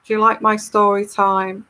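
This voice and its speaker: A woman hosting a live tarot stream chats casually with her viewers in a soothing, calming voice. Her pitch sits in a typical middle range for a woman, and she speaks very slowly in an unhurried, chatty, rambling way.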